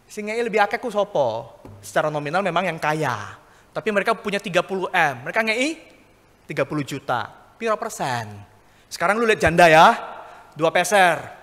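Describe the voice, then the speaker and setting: Bright-voiced preacher in an echoey hall. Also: male voice, fairly high pitch, animated, normal speed. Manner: conversational preaching, rising to emphatic peaks. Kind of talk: sermon. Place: church hall.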